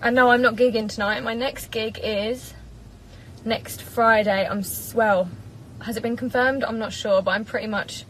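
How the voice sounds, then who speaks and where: A bright, slightly high voice at normal speed and a steady tone belongs to an English woman in her twenties, a singer live-streaming from a parked car. Chatty, bubbly and giggly, she reads comments into a propped-up phone, with slight background noise on poor audio.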